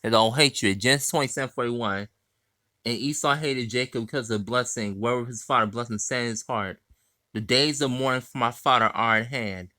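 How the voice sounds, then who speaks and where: A man's voice: mid-range voice, brisk, pushed and bright, no echo. A man who cites chapter and verse, reads passages aloud and comments on them in an insistent way. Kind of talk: scripture quoting and commentary.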